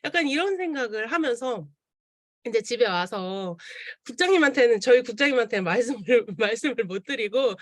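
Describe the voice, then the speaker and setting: A young woman tells her own story at an online seminar, earnest and animated. Her voice sits fairly high and rises and falls a lot as she acts out what others said. The sound is dry and close, as over a video call. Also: brisk, dry recording. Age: young adult. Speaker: seminar speaker. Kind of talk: testimonial talk at an online seminar.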